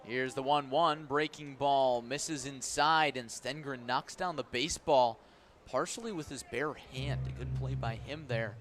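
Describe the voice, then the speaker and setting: At a little slow pace and medium pitch, a man broadcasts live baseball on radio from an outdoor ballpark. He calls the game in terse, descriptive bursts that grow excited on plays.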